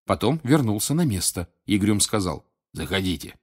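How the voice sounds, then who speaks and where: Low-voiced man narrating calmly. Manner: calm, measured reading. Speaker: audiobook narrator. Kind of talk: scripted narration.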